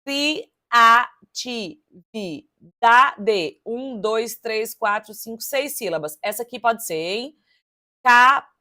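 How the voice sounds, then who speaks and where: A woman teaches grammar for a public exam. Her voice sits fairly high, and she talks in a lively, chatty way, counting syllables aloud and speaking straight to her students. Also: a little slow, hardly any pauses. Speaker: Portuguese teacher. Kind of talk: exam-prep lesson, solving test questions aloud.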